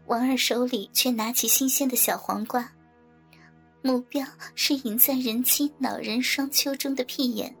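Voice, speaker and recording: A woman narrating a scripted adult audio story in a soft, even delivery. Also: on the high side.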